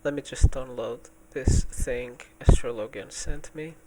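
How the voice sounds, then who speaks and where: A man's voice: medium pitch, fairly even intonation, unhurried, heavy background noise. A man hosting a live stream in casual chat, hesitant and stammering, his voice coming through in one ear only from a faulty mic. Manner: hesitant, stammering with many ums and repeated words. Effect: voice heard in one ear only, left channel. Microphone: streaming desk mic, fault sends it to one side.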